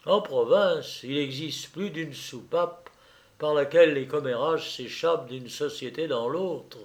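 A man narrating a classic novel as an audiobook, slow and measured. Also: a little high.

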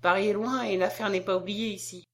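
A woman reader gives voice to a tired, downcast peddler. He speaks gently and quietly, resigned to his fate. The delivery is subdued and sorrowful throughout. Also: mid-range voice, fairly even intonation, a little fast, natural voice. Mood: sad. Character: weary, wrongly accused peddler man. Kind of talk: audiobook character reading.

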